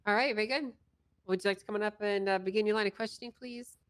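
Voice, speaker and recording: A woman's voice: medium pitch, fairly even intonation, quick pace, a bit bright, no echo, studio quality, close to an everyday voice. A woman playing a patient, dryly amused judge in an improvised courtroom role-play, polite and conversational. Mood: polite, procedural.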